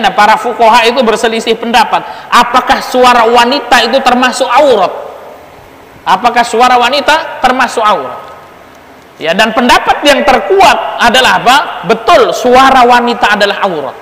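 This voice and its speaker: A man giving a relaxed religious lecture, teasing his listeners and asking them questions. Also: high-pitched. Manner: joking, asks the audience questions. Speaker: ustadz teaching a study circle. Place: prayer room. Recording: echoey prayer room with long reverb.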